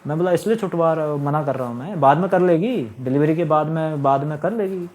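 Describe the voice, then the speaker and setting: A man's voice: on the high side, fairly quick, darkish tone. A young man telling his own story in a casual, aggrieved monologue to camera, often quoting others. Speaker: vlogger.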